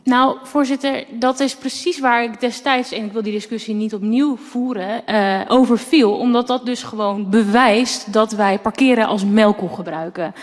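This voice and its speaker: A woman council member giving an earnest debate speech, often pausing with hesitations. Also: on the high side. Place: council chamber. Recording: long reverb in a council chamber.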